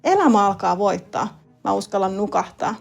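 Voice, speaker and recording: A woman with a Finnish accent, a lead wilderness guide telling a first-person story in a calm, matter-of-fact way. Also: mid-range voice, creaky. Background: soft background music.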